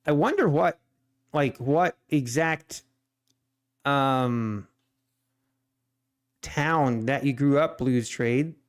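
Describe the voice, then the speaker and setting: Extremely slow and pausing often, a man of medium pitch chats on a day trading live stream. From Ohio with a Swiss German accent, he launches into rambling, exasperated rants with many restarts and repetitions.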